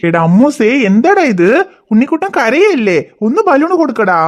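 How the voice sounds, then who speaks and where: A patient, gentle cartoon father, voiced by a woman who coaxes and reasons with his children. The voice sits somewhat high and stays calm and firm. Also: normal speed. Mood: coaxing. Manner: coaxing, explaining patiently. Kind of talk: cartoon voice acting.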